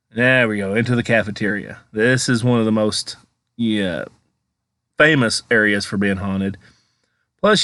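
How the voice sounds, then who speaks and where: A man's voice: lowish voice, fairly bright tone, no echo. An American man giving a casual, chatty voice-over as a vlogger, rambling informally as he comments on exploration footage.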